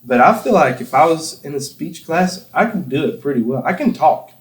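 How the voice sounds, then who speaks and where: A man's voice: a little high, expressive, normal speed, roomy sound, rough recording. A young man from Tennessee, hosting a casual chat with friends, rambling through stories and laughing often. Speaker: podcast host.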